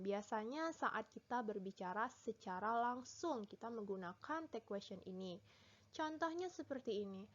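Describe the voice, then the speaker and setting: A woman teacher with an Indonesian accent giving a recorded English lesson, switching between Indonesian and English as she explains step by step. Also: a little high. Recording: dull lo-fi sound.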